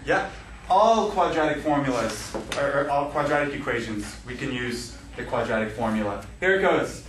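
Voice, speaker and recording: A man's voice: mid-range voice, lively intonation, moderate pace, fairly bright tone. A man teaching algebra to a class, joking and laughing as he quizzes his students. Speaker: math teacher. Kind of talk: classroom lesson. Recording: echoey classroom, distant mic, noisy.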